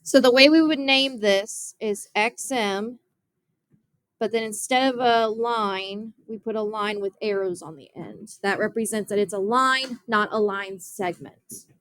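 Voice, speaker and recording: A woman's voice: mid-range voice, measured pace, a bit bright, no room sound. A young woman math teacher giving a classroom geometry lesson, explaining step by step and often asking her students questions.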